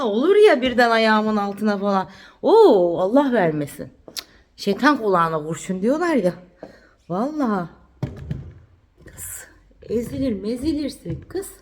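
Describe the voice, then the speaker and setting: Woman vlogger from Turkey, casual home chat, coos and repeats words to her pet, mid-pitched voice. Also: a little hiss or hum. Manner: chatty, cooing baby talk to her dog, repeats phrases. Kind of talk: casual vlog chat to camera while playing with her puppy. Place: at home indoors.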